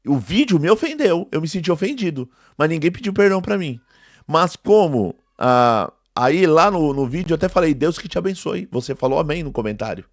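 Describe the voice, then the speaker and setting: Very animated and a little fast, this slightly high male voice is recorded dry at studio quality. He's a theology teacher in his forties, replying directly to camera to a critic with indignant emphasis and repeated points.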